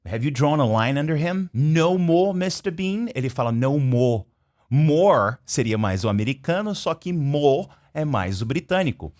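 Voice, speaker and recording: A man from Brazil teaching English in Portuguese, repeating phrases slowly to model pronunciation. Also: medium pitch, lively intonation, a little mellow. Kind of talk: English lesson explained in Portuguese.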